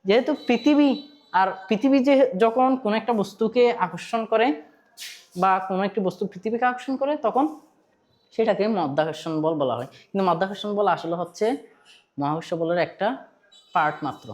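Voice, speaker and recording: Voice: mid-range voice, fairly quick. Bangladeshi teacher quizzing students aloud. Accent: Bangladeshi Bengali. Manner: conversational, quizzes students, repeats points, mixes in English terms. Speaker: physics teacher. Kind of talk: online class lecture.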